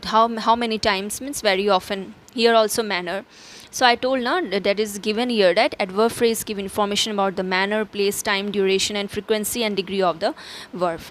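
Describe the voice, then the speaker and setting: A woman teacher explaining grammar step by step, asking and answering her own questions, with fillers and self-corrections. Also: medium pitch. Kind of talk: recorded grammar lesson.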